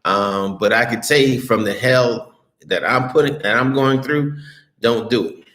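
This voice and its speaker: A man's voice: medium pitch, unhurried, a bit bright. An American man chatting casually on a live stream, reading viewer comments and answering them bluntly, with lots of swearing and many restarts. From United States. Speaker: vlogger reading live chat. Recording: roomy echoey recording.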